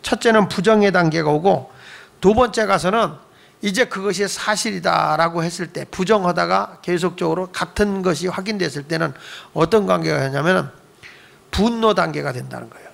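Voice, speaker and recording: A middle-aged man preaches from a church pulpit in a high voice with a gravelly edge. He is playful with the congregation and breaks into voices as he tells his stories. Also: moderate pace. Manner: acts out quoted voices with sudden jumps in pitch and loudness; humorous, calls for amens from the congregation. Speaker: pastor. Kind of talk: Friday night sermon. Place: church sanctuary.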